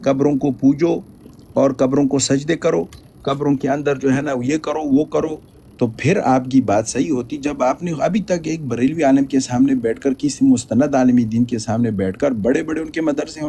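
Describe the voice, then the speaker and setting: A man's voice: a little high, vocal fry, dark tone, a little hiss or hum. A man giving emphatic, polemical religious commentary, often stammering and repeating words.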